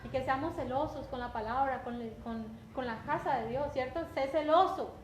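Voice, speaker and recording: Una mujer con acento colombiano que predica un sermón en tono conversacional, repitiendo palabras y preguntando a menudo «¿cierto?». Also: female voice, high-pitched, moderate pace. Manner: conversational, repeats words, often asks "¿cierto?". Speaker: preacher. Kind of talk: sermon. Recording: echoey room with faint background noise.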